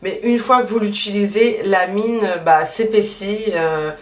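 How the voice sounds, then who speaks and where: A woman chatting casually through a beauty haul, with lots of fillers and a steady stream of small asides. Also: mid-range voice, a little slow. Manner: chatty, many fillers and "donc voilà". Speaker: beauty vlogger. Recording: echoey room, mic at a distance, faint hiss.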